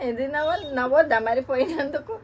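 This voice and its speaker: A woman with a Telangana Telugu accent plays a mother in a staged family vlog skit. Her voice sits high and her words come quickly. She scolds and teases, and she repeats the same point over and over. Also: a crowd in the background. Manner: teasing, scolding, repeats herself.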